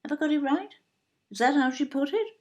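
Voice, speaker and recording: A woman acts in an audio play as a snobbish older English mother, indignant, fussy, and emphatic, with an English accent and a tone of aggrieved disbelief. She repeats herself and leans on tag questions. Her voice sits high and darkish, animated and fairly quick, with the highs cut off.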